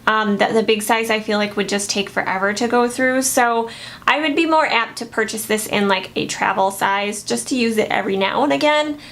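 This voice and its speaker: Woman beauty vlogger, slightly higher voice, casual and chatty, hesitant with lots of fillers. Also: moderate pace, a bit bright. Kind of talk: casual product review.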